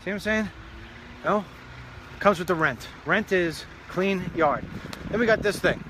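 A man's voice: high-pitched, a little slow, background noise. A man hosting a casual walk-and-talk vlog outdoors, chatting and joking as he walks around a pond on his property. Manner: chatty, rambling, joking asides. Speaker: show host.

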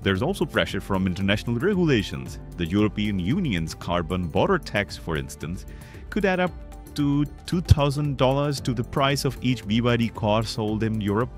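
A man narrating an explainer video in a conversational voice-over, sometimes stumbling and restarting words. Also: lowish voice. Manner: slips and restarts mid-word. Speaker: documentary narrator.

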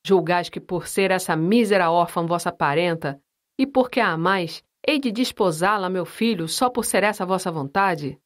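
Woman doing a harsh, scornful patriarch, lower and dry, orders not requests. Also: normal speed, natural voice. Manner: sarcastic, dry and commanding. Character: cold, stern older nobleman father.

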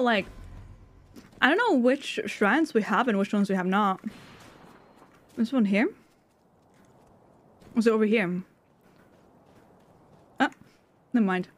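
Chatty woman streamer eating on stream. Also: on the high side. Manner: chatty, eating while talking, laughs often. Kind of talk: casual live-stream chat while gaming and eating.

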